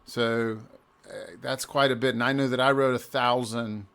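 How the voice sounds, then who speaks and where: A native English-speaking man, an amateur cyclist, casually walks through a screen-shared recap of a cycling event, often pausing and restarting mid-sentence. His voice is medium-pitched and fairly bright, with a steady tone and vocal fry.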